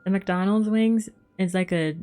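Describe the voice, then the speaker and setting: A woman speaks a little slowly in a dark, medium-pitched voice as she streams a game, chatting loosely and wandering through her thoughts aloud. Game music sits behind her.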